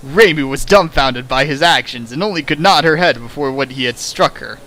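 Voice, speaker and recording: In a rough recording, a man's mid-range voice sounds pushed and bright at a normal pace as he performs a fan fiction for comic effect. He riffs on the text, interrupting the dramatic reading with sarcastic, mock-indignant remarks.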